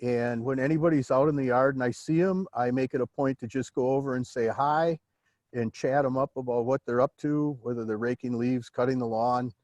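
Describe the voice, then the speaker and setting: An older man from the Midwestern United States talks in a relaxed, friendly way. His voice sits in the middle range. It is recorded dry and close, with no room sound. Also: mid-range voice, a little fast, no room sound. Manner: easygoing and chatty. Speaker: conference participant. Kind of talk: friendly casual chat.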